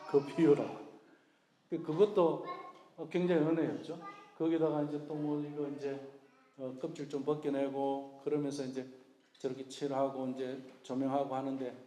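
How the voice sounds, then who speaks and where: A man's voice: medium pitch, flat delivery, moderate pace, dark tone, slight background noise. A male pastor preaching a sermon in a conversational way, acting out prayers and God's replies in his own voice. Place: church sanctuary. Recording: echoey church hall.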